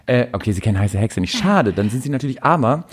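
A man's voice: medium pitch, big pitch swings, fast talker, slightly rough. A man co-hosting a comedic podcast, telling stories in a playful way and laughing often. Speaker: podcast co-host. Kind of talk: casual comedic chat.

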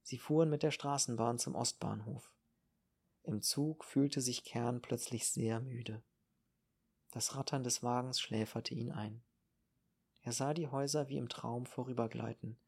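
A man reading an audiobook in a calm, measured narration. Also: mid-range voice, creaky, slightly rough. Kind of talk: scripted narration.

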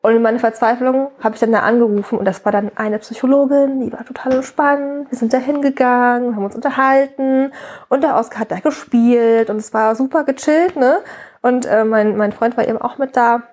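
Thirties woman, interview guest, high-ish voice, open and rambling, lots of restarts and tag questions. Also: steady tone, brisk, darkish tone. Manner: candid, frequent "ne?" tags, many restarts. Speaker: guest, mother of a colicky baby. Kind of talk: casual interview conversation.

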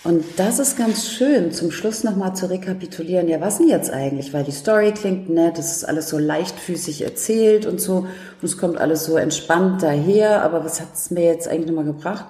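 A woman author telling lively anecdotes in an interview and laughing often. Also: on the low side, a little fast, roomy sound. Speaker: guest author. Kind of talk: interview talk.

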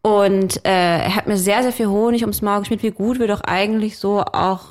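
A woman in her thirties tells dating stories in a relaxed, chatty way. She is animated, laughs often and drops in English phrases as she goes. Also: mid-range voice, normal speed. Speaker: podcast co-host telling dating stories. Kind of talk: casual chat.

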